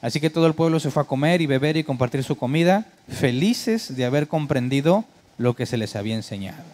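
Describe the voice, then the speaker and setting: A man's voice: on the high side, expressive, fairly quick, a little mellow. A male pastor preaching a sermon, talking in a conversational way and often asking his congregation rhetorical questions. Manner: mimics worship keyboard sounds for comic effect.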